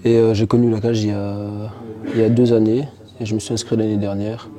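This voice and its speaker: Very dark-voiced young man, earnest fighter. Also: fairly low pitch, little pitch movement, quick pace. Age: 20s. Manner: earnest, confident, sometimes boastful. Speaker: amateur MMA fighter. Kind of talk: casual interview answers.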